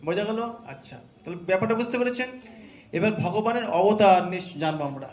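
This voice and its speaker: A man's voice: sits high, expressive, fairly quick, darkish tone. A man teaching a religious class, quizzing the students and checking often that they follow. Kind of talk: interactive scripture class. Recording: echoey hall with crowd.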